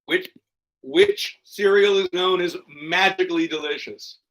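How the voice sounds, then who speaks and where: A man's voice: high voice, big pitch swings, a little slow, creaky, fairly bright tone, low-quality recording. A man hosting an online quiz over a video call, reading questions and tossing in joking, profane asides. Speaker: quiz host.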